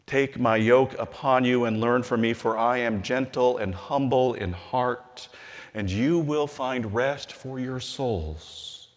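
Earnest bishop preaching in a reverberant hall. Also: male voice, mid-range voice. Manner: measured and earnest, slowing and softening on scripture. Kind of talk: sermon-style convention address. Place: large hall, at a lectern on a stage.

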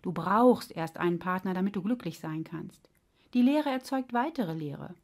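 A woman's voice: lowish voice, animated, normal speed. Woman voicing a wise, patient heart. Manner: gently instructive, sometimes grumbling.

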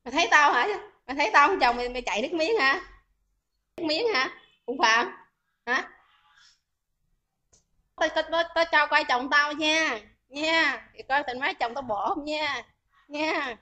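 A woman's voice: high-pitched, moderate pace, long pauses, pushed and bright. A woman on a phone livestream, scolding and taunting commenters in a heated argument. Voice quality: scolding, taunting, repeats questions. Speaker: livestream host.

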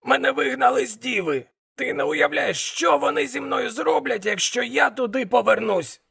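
A man putting on a gravelly haggling devil. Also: very high-pitched, animated, moderate pace, sharp tone, voice pushed up, full character voice. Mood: frightened. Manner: nervous, wheedling, bargaining. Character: scheming haggling male devil trader.

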